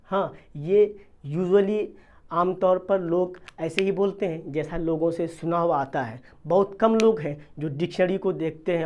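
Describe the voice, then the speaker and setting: A grammar teacher giving a video lesson, who keeps asking questions, answers them, and repeats key terms. English definitions are read out slowly, word by word. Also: mid-range voice. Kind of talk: classroom-style video lesson in Hindi mixed with English terms.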